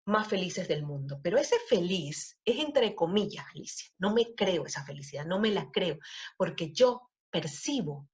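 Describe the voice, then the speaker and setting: A woman podcast host with a Latin American Spanish accent, talking in an expressive, emphatic way. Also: fairly low pitch, normal speed. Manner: expressive, emphatic, lingers on words. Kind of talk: conversational interview. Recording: slightly dull lo-fi audio.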